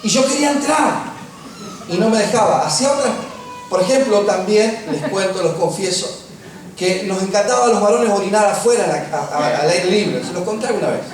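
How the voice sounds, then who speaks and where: A middle-aged man with an Argentine accent preaching a sermon, telling personal stories with humor and slowing down for emphasis. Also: high-pitched. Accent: Argentine Spanish. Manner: humorous storytelling, slows for emphasis. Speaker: pastor. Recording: echoey room, distant mic, faint noise.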